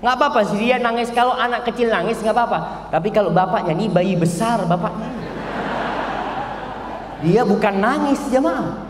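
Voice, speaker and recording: A male preacher giving a sermon, telling lively stories and speaking directly to the congregation. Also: sits high, moderate pace, background noise. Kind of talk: sermon lecture. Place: large room in a residence. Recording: echoey hall, far from the mic, faint ambience.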